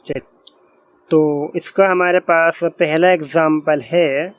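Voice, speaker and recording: A man teaching a grammar lesson, explaining patiently and repeating each point slowly as he writes on a board. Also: a little high, steady tone, dry recording. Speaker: Arabic teacher.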